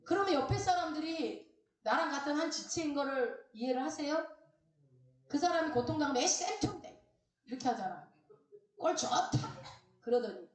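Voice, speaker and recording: A middle-aged woman pastor delivers a lively Bible-study sermon in a church hall, teasing her listeners, asking the congregation questions and acting out quoted voices. Her voice is high and brisk, and the recording has roomy church acoustics with the mic some distance away.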